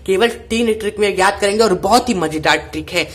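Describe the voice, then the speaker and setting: A woman's voice: mid-range voice, brisk. A woman teaching chemistry memory tricks in speech, repeating each cue and asking questions she then answers. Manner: repetitive, call-and-response drilling. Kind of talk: chemistry mnemonic lesson.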